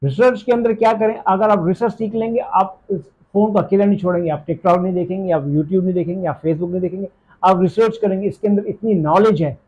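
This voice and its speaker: High-voiced man teaching in an interview. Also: a little fast, a little mellow, muffled recording. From Pakistan. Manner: emphatic, mixes in English phrases, asks "theek hai?". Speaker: English teacher and guest. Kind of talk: interview answers.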